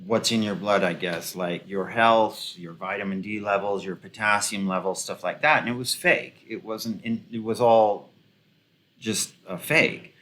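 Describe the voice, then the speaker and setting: A man's voice: fairly low pitch, fairly even intonation, measured pace, bright, forceful tone, slight background noise. A man giving casual, rambling commentary full of ums and restarts, with a sarcastic, mocking edge. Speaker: video commentator.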